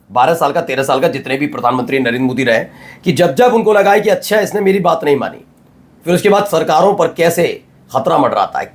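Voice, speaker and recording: A man hosting a news channel, delivering a sarcastic, emphatic political commentary monologue. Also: fairly high pitch.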